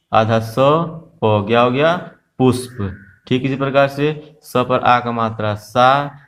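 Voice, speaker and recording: A man teaching a class-one Hindi lesson, patiently asking questions and answering them himself, slow and repetitive. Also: medium pitch. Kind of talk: Hindi phonics lesson for young children.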